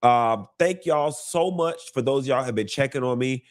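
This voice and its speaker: A man congested from a cold hosts a live gossip show at normal speed, delivering a casual, campy monologue. He talks in a sassy drawl, calls listeners honey and baby, and swoops his voice up high for emphasis.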